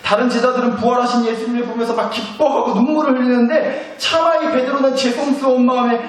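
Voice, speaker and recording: A male pastor preaching a sermon with animated storytelling and acted-out quotes, in a very echoey room from a distant mic. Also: very high-pitched, fast.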